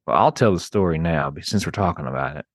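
A man with a low voice chats as a podcast co-host. His delivery is casual and conversational, recorded close and dry. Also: animated, fast, no room sound.

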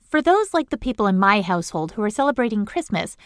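A woman hosting a podcast in a tiny studio, reading comic rhyming verse in a cheerful, animated way. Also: medium pitch, fast talker, smooth, dry recording. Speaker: podcast host.

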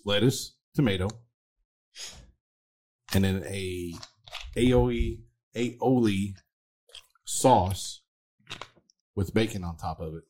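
A man's voice: on the low side, slow pace, long pauses, darkish tone. Man eating spicy jelly beans, noisy recording. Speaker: show co-host. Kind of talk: casual live chat.

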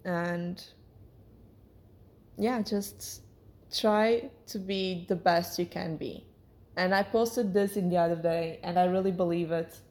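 Lower-voiced woman in casual reflective monologue. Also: darkish tone. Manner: hesitant, searching for words, self-correcting. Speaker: solo podcast host.

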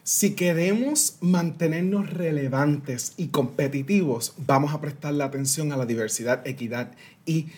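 This guest consultant, a man in his thirties from Puerto Rico, has a slightly high, husky, darkish voice at a normal speed. In the interview he explains ideas with animation, leaning on everyday analogies and slipping in some English words.

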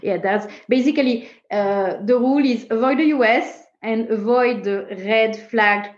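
A woman's voice: a little high, normal speed. A woman startup co-founder in a casual interview, talking emphatically in startup buzzwords, with non-native English phrasing. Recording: muffled, echoey room sound.

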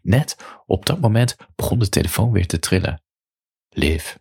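A man's voice: fairly low pitch, lively intonation, brisk, vocal fry, a little mellow, husky. A man narrating a first-person story in a dry, matter-of-fact way.

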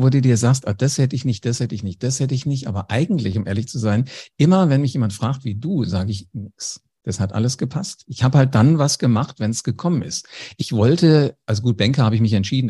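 A man's voice: mid-range voice, expressive, brisk, mellow, husky. A man, a former radio host, telling anecdotes in a casual interview, speaking directly to the listener. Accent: German.

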